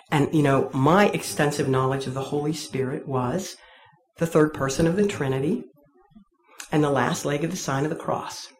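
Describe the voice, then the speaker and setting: A woman's voice: a bass voice, a little hiss or hum. Woman telling a candid faith story. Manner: candid, wry storytelling with self-deprecating humor. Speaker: speaker sharing a personal faith story. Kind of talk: personal testimony told to an audience.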